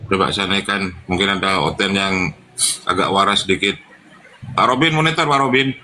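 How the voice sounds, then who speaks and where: Low-voiced moderator over noise. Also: male voice, sharp tone. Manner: brisk, managing turns. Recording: noisy background.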